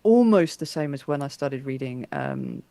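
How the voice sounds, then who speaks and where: A woman's voice: rumbling low, wildly swooping pitch, moderate pace, vocal fry, dark tone, dry recording. A woman interviewer in a casual conversation, reflecting thoughtfully and restarting her sentences as she thinks.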